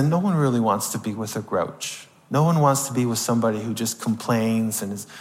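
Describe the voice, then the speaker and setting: Man teaching in a reverberant hall. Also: medium pitch. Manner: conversational, often checking in with the listeners. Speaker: Bible teacher. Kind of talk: informal Bible class teaching.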